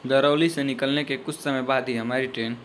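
A man's voice: medium pitch, steady tone, fairly quick, fairly bright tone, a little hiss or hum. A young man narrating his train journey as a voice-over, in a casual, loosely worded way with restarts. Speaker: travel vlogger.

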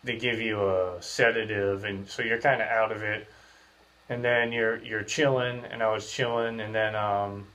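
A man's voice: lowish voice, fairly even intonation, moderate pace, pushed and bright. A man in his thirties hosting a casual podcast, speaking through clenched teeth with his jaw wired shut, rambling and slangy. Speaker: podcast host. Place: small bare room, indoors.

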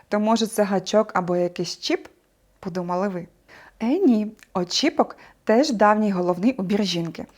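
Expressive woman teacher explaining a lesson. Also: mid-range voice. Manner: clear, expressive explaining with rhetorical questions. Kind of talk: scripted video lesson.

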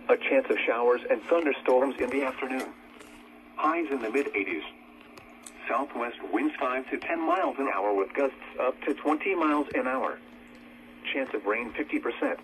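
A man's voice: medium pitch, fairly bright tone. Synthetic male weather radio voice, noisy. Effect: radio broadcast. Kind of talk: weather radio voice, scripted forecast reading. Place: small cluttered room, played from a portable weather radio. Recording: noisy radio speaker picked up in a room.

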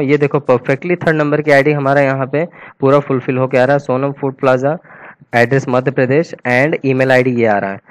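A man teaching a coding tutorial over a screen recording, talking casually and thinking aloud as he types, slipping English terms into his Hindi. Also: on the high side.

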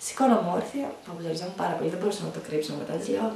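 Animated young woman in an echoey room. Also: on the low side, gravelly, recorded from a distance. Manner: animated, laughs often while telling. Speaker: vlogger. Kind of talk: storytime vlog, recounting childbirth.

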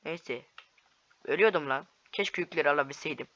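A young man giving casual, excitable commentary over his own gameplay, taunting opponents as he plays. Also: on the high side, fairly quick, no echo. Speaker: gaming YouTuber. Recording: slightly dull lo-fi sound.

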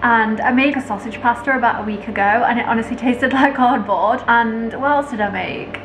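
A woman's voice: on the high side, normal speed, a bit bright, a little hiss or hum, low-quality recording. A young woman talking to a camera held at arm's length, chatting in a rambling, upbeat way from her home and her parked car. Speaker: vlogger. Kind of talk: casual vlog chat to camera.

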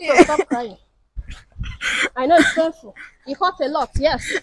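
A woman's voice: high voice, unhurried, dry recording, rough recording. A woman acting a friend who pleads with a mother to forgive and then soothes the crying daughter. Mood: soothing. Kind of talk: skit drama acting.

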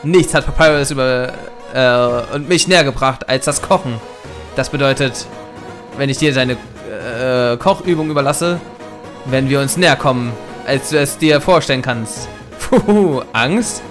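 A man's voice: mid-range voice, unhurried, soft background music, close to an everyday voice. A man reading a brash fish warrior captain. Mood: fierce. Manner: boisterous, loud bursts, chuckling. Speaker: Let's Play gamer reading dialogue. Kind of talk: reading game dialogue aloud.

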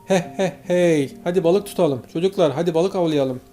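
A man voicing a rowdy young bully in an audiobook, loud, rough and boisterous. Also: a little high, fairly even intonation, very fast, soft background music, natural voice.

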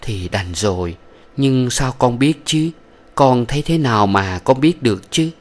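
A man's voice: mid-range voice, lively intonation, a little slow, voice pushed up, natural voice. A man reading a subdued grieving mother. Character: grieving young mother, hesitant and tender.

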